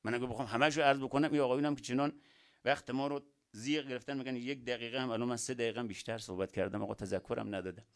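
A man preaching a sermon who asks rhetorical questions and swings between quiet and loud emphasis. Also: medium pitch, fairly even intonation. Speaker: religious speaker. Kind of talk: sermon to an audience.

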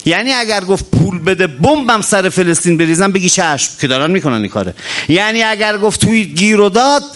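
A man delivers an impassioned sermon, his fairly high voice swooping widely as he moves from urgent appeals to low, heavy asides. He slows down to chant the scripture verses he quotes. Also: a bit bright. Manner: impassioned, rises and drops sharply in pitch; chants Quranic verses slowly. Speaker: cleric. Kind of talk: religious sermon.

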